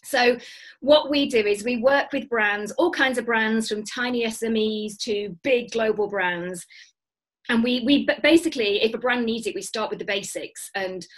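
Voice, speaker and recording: A business founder from Lancashire, England, is a guest in a remote video-call interview, speaking from a dim home room. Her voice is on the high side at a moderate pace, and she talks enthusiastically with lots of fillers and restarts.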